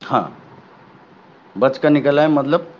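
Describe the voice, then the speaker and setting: A man calling in over the phone to a live debate stream, speaking politely and in a measured way, stopping to apologise before he asks his own questions. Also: fairly high pitch. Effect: over a phone line. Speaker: caller. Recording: muffled lo-fi call line with faint background noise.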